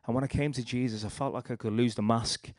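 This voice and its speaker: Talking fast in a medium-pitched, darkish voice with fairly even intonation, a young Liverpudlian rambles through his personal testimony. He restarts sentences and performs quoted lines, captured in studio quality without room sound.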